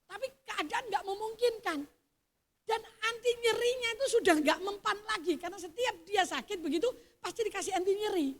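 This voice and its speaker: A middle-aged woman pastor with a Javanese accent preaches at a church service, moving from quiet storytelling to loud, emphatic exclamations. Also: very high-pitched, brisk. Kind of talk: sermon.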